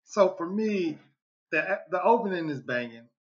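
A man's voice: high voice, lively intonation, unhurried. An American man co-hosting a podcast in casual slang, often repeating his phrases, on a slightly lo-fi recording. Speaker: podcast co-host. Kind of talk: casual chat. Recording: slightly dull, lo-fi voice track.

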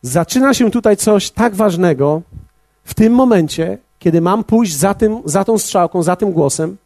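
A man preaching a sermon as pastor, measured and speaking directly to his congregation. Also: high-pitched, lively intonation, a little mellow, no echo.

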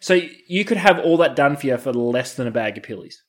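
A man's voice: mid-range voice, animated, fairly quick. A man with an Australian accent in casual conversation as a co-host, talking in laid-back, colloquial slang. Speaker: podcast co-host. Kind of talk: casual chat.

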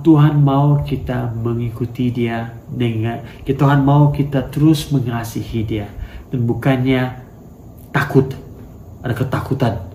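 A man's voice: medium pitch, dark tone. A male pastor preaching a sermon to his congregation in a church hall. He asks emphatic rhetorical questions and slips into English phrases. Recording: echoey room with faint background noise.

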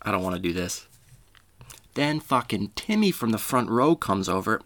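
A man's voice: on the low side, sing-song, normal speed, fairly bright tone. A man hosting a podcast, telling a rambling, profane, self-deprecating story in casual talk. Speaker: podcast host. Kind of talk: casual comedic monologue.

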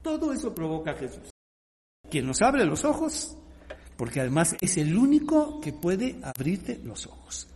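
A man preaching a sermon, acting out the characters of the story with animated shifts of voice. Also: sits high, unhurried, big-room sound, slight background noise. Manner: animated, acts out the blind man and the leaders.

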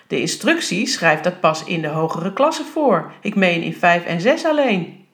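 A woman reads a novel aloud with lively, expressive storytelling. She tells the story at a steady reading pace. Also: fairly low pitch, normal speed. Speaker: reader.

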